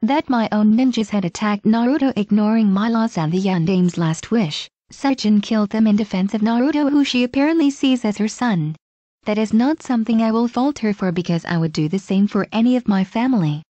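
A woman's voice: mid-range voice, fairly quick, warm tone, no echo, lightly acted. A woman voicing a weary old male village leader who speaks curtly and commandingly. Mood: stern. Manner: curt, commanding.

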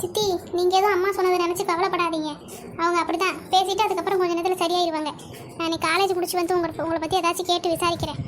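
A woman's voice: very high voice, level tone, racing, noisy background. A woman voicing an earnest young college girl in a cartoon, pleading.

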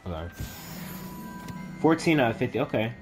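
A man giving casual let's-play commentary, excitable and chatty, reading game text aloud haltingly. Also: mid-range voice, over music. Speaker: gaming YouTuber.

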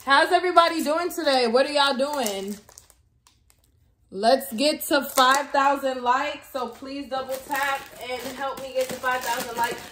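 A young woman with a drawl talks casually to her viewers in a vlog, her voice sitting slightly high for a woman. She is chatty and relaxed, eating between sentences as she runs through her plans for the day. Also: a little slow, echoey room, slight background noise. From Texas. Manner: chatty, addresses viewers as y'all. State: eating while talking. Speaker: lash business owner and vlogger.

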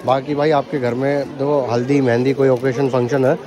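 A young man walks through a busy street market for a casual vlog, asking vendors for prices and repeating them for viewers. His mid-range voice is brisk and fairly flat, filmed on a handheld camera in point of view and selfie shots, with crowd chatter all around.

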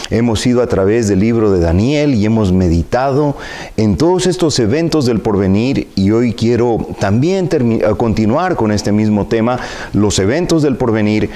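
A middle-aged man preaching a sermon in a church sanctuary, reading scripture and praying in a measured, earnest way on a lapel mic. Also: fairly low pitch, mellow. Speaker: pastor.

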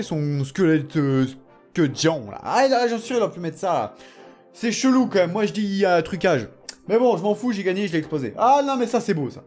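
A man giving animated gameplay commentary, teasing and self-mocking, often laughing and bursting into excited shouts. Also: high-pitched. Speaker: gamer commenting his own matches.

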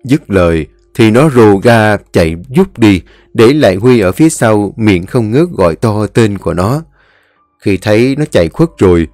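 A man narrating a scripted ghost story in a measured, somber way. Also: fairly low pitch, darkish tone, dry recording, studio quality.

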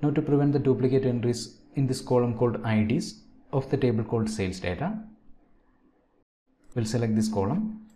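A man narrating a step-by-step software tutorial, dictating each step in short, separated phrases. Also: mid-range voice, moderate pace. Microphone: voice-over on a screen recording. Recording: noisy, with keyboard and mouse clicks.

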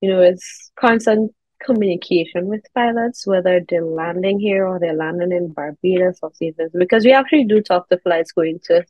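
On the low side and at a moderate pace, this woman's voice carries a Caribbean accent; she's in her thirties. She's an air traffic controller and children's author giving chatty interview answers as a guest over a video call. There's no room sound, but the call audio is a little dull.

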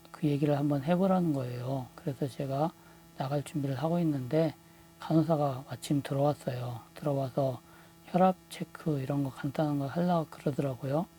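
Soft-spoken Korean husband telling a story. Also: male voice, a little high. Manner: hesitant, many fillers and restarts. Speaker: vlogger, husband recounting a story. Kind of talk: casual storytelling monologue.

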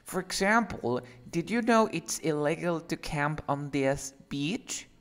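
A man's voice: fairly high pitch, expressive, slow pace. A man teaching English to a Spanish speaker, explaining words patiently and switching between Spanish and English. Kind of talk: bilingual English lesson.

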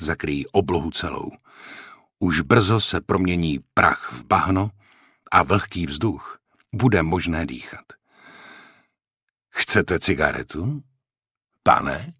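Man reading a novel aloud, husky, measured narration, dry booth recording. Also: extremely low pitch, no echo. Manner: measured, even storytelling. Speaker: audiobook narrator. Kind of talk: scripted audiobook narration. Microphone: close studio mic.

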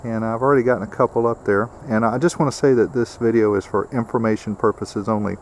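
A man's voice: on the low side, fairly even intonation, fast talker, slight background noise. A man giving a casual, step-by-step how-to walkthrough outdoors on a rural homestead, with plenty of filler words. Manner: plainspoken, many uh fillers, explains step by step. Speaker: homesteader demonstrating a build.

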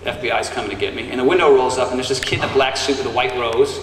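A middle-aged man telling a story to a live audience from a conference stage, animated and moving around as he talks. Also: medium pitch, rapid-fire, a little hiss or hum. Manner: energetic, animated, moves around the stage while talking. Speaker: fitness speaker. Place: large conference hall stage. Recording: echoey hall captured from far off. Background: audience laughter.

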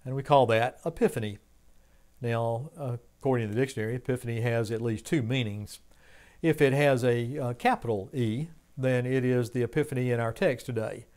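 An older man preaching a sermon from a home study, speaking in a measured, earnest way with rising emphasis on key points. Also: medium pitch, darkish tone. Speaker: pastor. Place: home study with bookshelves, indoors.

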